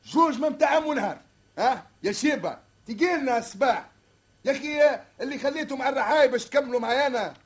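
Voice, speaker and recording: A husky, very high-voiced Tunisian man in an old radio show comedy. He is irritable and quick to take offence, firing off threats at a fast pace. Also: expressive, exaggerated voice. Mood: indignant. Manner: indignant, quarrelsome.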